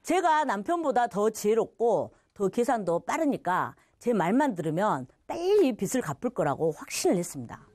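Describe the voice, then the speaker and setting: A woman's voice: medium pitch, very animated, normal speed, hardly any pauses, darkish tone, no echo, studio quality. A middle-aged woman telling her personal church testimony, acting out what others said and laughing now and then. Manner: storytelling with quoted voices and laughter.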